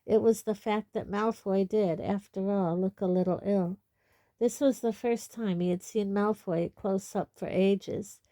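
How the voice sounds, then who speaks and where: A woman reading a novel aloud in steady audiobook narration. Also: mid-range voice, unhurried, dry recording. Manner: steady storytelling. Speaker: audiobook reader.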